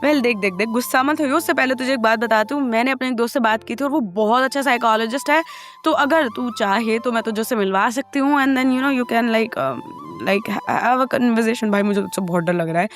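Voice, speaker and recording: A woman voicing a calm, teasing young female best friend who coaxes in a chatty, jokey way. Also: on the high side, fairly quick, faint music behind, close to an everyday voice. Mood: coaxing. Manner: coaxing, chatty, jokey reassurance.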